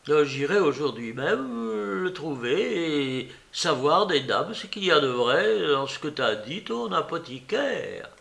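A man's voice: on the high side, big pitch swings, takes it slowly, gravelly, few pauses, a bit bright, full character voice. A man reading a novel aloud, voicing an irritated, stubborn elderly aunt who scolds her nephew. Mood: exasperated. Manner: scolding, indignant questioning. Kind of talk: audiobook character reading.

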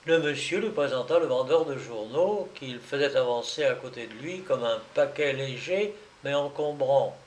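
A man narrating a literary story in a measured, expressive reading. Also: mid-range voice, roomy sound, slight background noise.

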